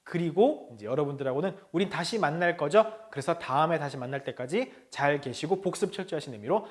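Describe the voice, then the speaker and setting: A man teaching a language lesson. He says each phrase slowly, then explains it, and often checks in with his learners. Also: fairly high pitch, expressive.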